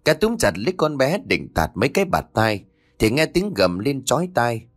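A man narrating an audiobook story in a dramatic, expressive way. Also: medium pitch, normal speed. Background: faint background music.

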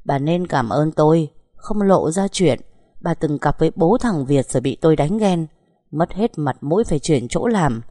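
A woman's voice: low voice, animated, moderate pace, mellow, no room sound, studio quality. A woman voicing an arrogant wealthy older woman who mocks in a sneering, cutting tone.

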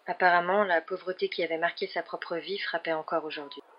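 A woman reader narrating a novel in an even, measured audiobook reading. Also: lowish voice. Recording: dull lo-fi recording.

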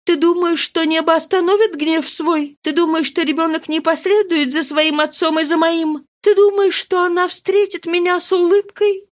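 A woman voicing a grief-stricken young noblewoman, speaking high and pleading in trembling despair. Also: fairly even intonation, normal speed, few pauses. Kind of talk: audiobook character reading.

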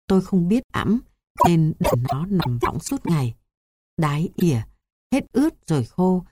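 Woman, memoir reading, measured and sorrowful, lowish voice, noisy recording. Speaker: narrator.

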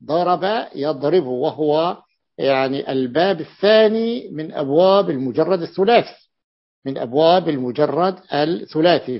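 Gravelly sheikh explaining grammar. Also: male voice, a little high. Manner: deliberate, repeats key words, hums "ah" between points. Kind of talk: classical grammar lesson. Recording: muffled lo-fi recording.

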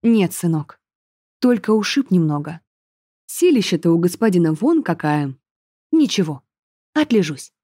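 Woman reader as a soft-spoken old nanny, folksy, lower voice. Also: big pitch swings, unhurried, long pauses, no echo, studio quality. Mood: soothing. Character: old kindly nanny, meek and sighing.

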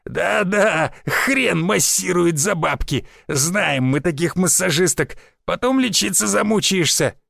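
A man's voice: sits high, animated, a little slow, creaky, hardly any pauses, fairly bright tone, no echo, studio quality, voice pushed up, heavily acted. A man voicing a teasing, cackling old man drinking at a tavern bar. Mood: mocking.

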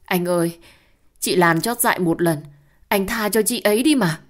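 A woman voicing a scheming young woman who wails and complains in a shrill, melodramatic way. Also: normal speed, close to an everyday voice. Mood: pleading. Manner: wailing, shrill crying complaints.

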